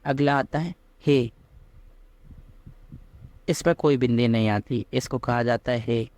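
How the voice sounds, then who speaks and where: A man's voice: mid-range voice, measured pace, darkish tone. A man teaching a reading lesson step by step, patiently asking questions and answering them himself. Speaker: language teacher. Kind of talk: slow step-by-step script lesson.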